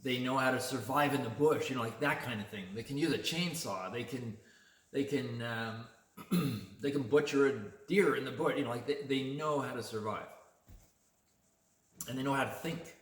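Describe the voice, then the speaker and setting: A man vlogging, telling a story in a chatty, animated way. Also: mid-range voice, moderate pace, reverberant. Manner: chatty, animated retelling with laughs. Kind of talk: casual storytelling.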